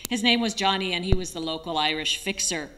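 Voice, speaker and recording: A woman author reading aloud from her own memoir in a lively storytelling manner. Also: lowish voice, brisk, a little hiss or hum. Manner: lively storytelling with occasional restarts.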